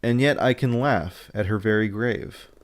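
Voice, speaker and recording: A man's voice: lowish voice, unhurried, natural voice. A man reading aloud as an old Dutch male professor, sorrowful and philosophical, with earnest, broken old-fashioned phrasing.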